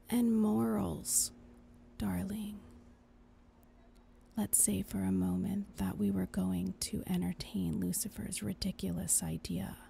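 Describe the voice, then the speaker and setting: A woman playing a gentle, principled female angel in a soft, breathy, earnest ASMR role-play. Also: medium pitch, a little hiss or hum. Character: gentle, principled female angel, reassuring yet exasperated conscience.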